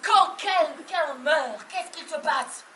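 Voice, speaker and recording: A woman's voice: high voice, slow, heavily acted. A woman playing a frantic, bossy bride's mother. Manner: interrogating, exasperated, shouts often. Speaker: stage actor. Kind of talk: live stage comedy acting. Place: farm theatre stage, live audience. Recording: echoey room, far off, faint hiss.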